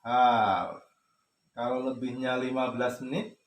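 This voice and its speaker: A man's voice: mid-range voice, fairly even intonation, unhurried. A man with an Indonesian accent teaching an English lesson to a class, switching between English and Indonesian and quizzing the students. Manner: mixes English and Indonesian, asks class questions. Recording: echoey classroom.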